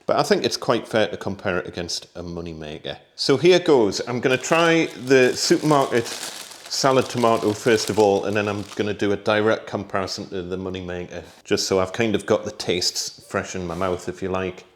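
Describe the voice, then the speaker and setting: A British man hosting a casual gardening vlog, chatty and relaxed, thinking aloud with small asides and talking while he tastes food. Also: fairly low pitch, normal speed, slight background noise. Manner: talks while tasting food. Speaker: gardening vlogger.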